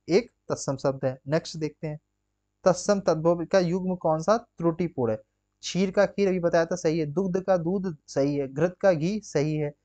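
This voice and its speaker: A man's voice: on the high side, a little mellow, lo-fi sound. A man teaching an exam-prep grammar lesson, drilling students with rhetorical questions and constant check-ins. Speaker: Hindi teacher.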